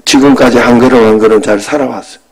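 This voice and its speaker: A pastor in his fifties preaching a sermon and telling a personal story in a conversational way. His voice jumps from loud bursts to quiet asides. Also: mid-range voice, fairly even intonation, quick pace, husky, rough recording.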